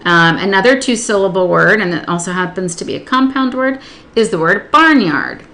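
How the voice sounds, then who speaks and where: A woman literacy instructor explaining a spelling procedure step by step, patiently modeling words and sounds slowly. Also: medium pitch, expressive, vocal fry, bright, forceful tone.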